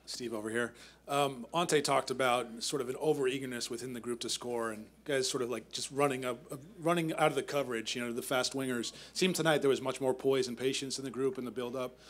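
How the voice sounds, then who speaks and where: A man's voice: mid-range voice, steady tone, brisk. A male reporter asking a long, detailed question at a press conference, with fillers along the way.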